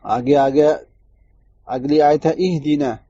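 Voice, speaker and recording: A man teaching tajweed in a Quran recitation lesson. He explains common mistakes, then recites the example words slowly and drawn out. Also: a little high, steady tone, warm tone, breathy edge, dry recording, dull audio.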